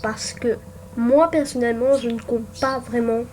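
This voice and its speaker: A woman's voice: on the high side, fairly even intonation, moderate pace, a little mellow. A young woman giving casual commentary while making a ranking on her computer, hesitant with many fillers and restarts. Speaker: gaming YouTuber. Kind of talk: casual screen-recorded commentary. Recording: faint background noise with keyboard typing.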